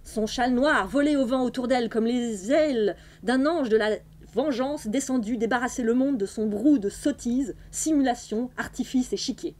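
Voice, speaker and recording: A woman hosting a library live stream, reading a novel aloud in a clear, measured way. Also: a little high, a little mellow. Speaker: library host.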